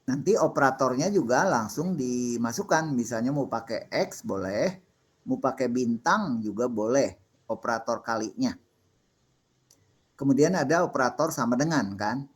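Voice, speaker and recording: A man's voice: medium pitch, lively intonation, normal speed, breathy edge. A middle-aged male lecturer takes questions from his class. He explains patiently and methodically, walking through small worked examples one step at a time. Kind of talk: classroom Q&A on assembly programming.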